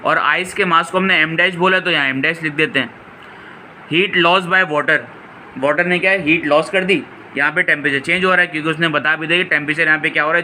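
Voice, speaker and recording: A man's voice: on the high side, pushed and bright, a little hiss or hum, low-quality recording. A man tutoring physics and walking through exam solutions. He calls students "beta" and answers his own questions as he explains.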